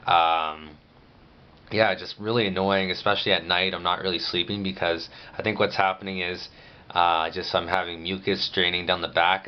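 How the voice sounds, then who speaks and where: A man's voice: low voice, dull audio. A man giving a casual, rambling video diary update, speaking matter-of-factly with restricted jaw movement after jaw surgery.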